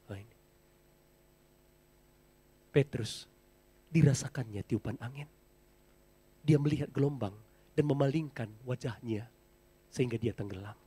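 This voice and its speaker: Husky-voiced male pastor preaching. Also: mid-range voice. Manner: addresses the congregation as brothers and sisters, drops to a soft close. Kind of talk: sermon. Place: church.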